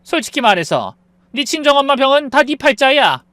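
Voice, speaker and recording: A woman's voice: high-pitched, sing-song, a little fast, fairly bright tone, dry recording, pitched above the performer's own voice. A woman voicing a domineering older mother-in-law who talks with scorn and scolds. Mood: scornful. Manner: scolding, contemptuous.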